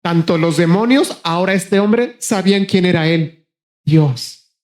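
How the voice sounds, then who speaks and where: High-voiced pastor preaching with passion. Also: male voice, darkish tone. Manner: impassioned, repeatedly addressing the congregation as brothers; shifts between rapid bursts and slow, drawn-out emphasis. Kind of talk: sermon.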